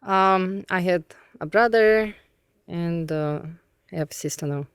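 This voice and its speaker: A woman's voice: on the low side, unhurried, smooth, no echo. A woman from southern Russia with a Russian accent, a podcast guest giving short, dry, blunt answers in casual chat.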